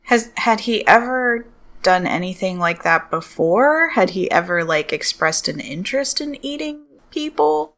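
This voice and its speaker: A woman's voice: mid-range voice, animated, unhurried, fairly bright tone. A woman co-hosting a podcast, reacting and asking questions in casual conversation. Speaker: podcast co-host.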